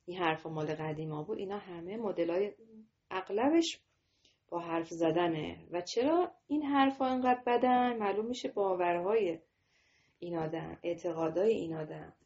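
A woman with a fairly low, darkish voice teaches children a religious lesson via video call, speaking to them directly and quizzing them. The audio is dull.

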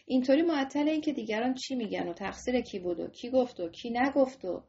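A woman with a slightly high, mellow voice teaches a religious class to children online. She speaks directly to the kids and puts questions to them, and the recording sounds muffled.

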